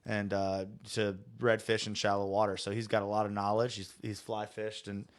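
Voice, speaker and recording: A man in his late twenties co-hosts a podcast from a studio. His voice is fairly low, and he tells stories in a relaxed, easygoing manner. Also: normal speed. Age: late 20s. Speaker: podcast co-host. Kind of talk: casual podcast chat.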